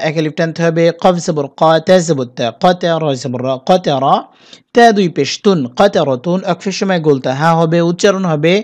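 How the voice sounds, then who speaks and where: A man teaching Quran reading, methodically spelling out letters and vowel marks, then chanting whole words slowly and drawn out. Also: fairly high pitch, a little mellow. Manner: patient, methodical instructions in between.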